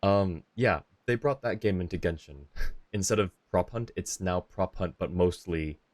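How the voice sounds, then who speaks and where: A low-voiced man speaks a little slowly in a dry, echo-free recording, with faint game music in the background. He's a live game streamer, a little tired, chatting casually and politely with his viewers while he plays.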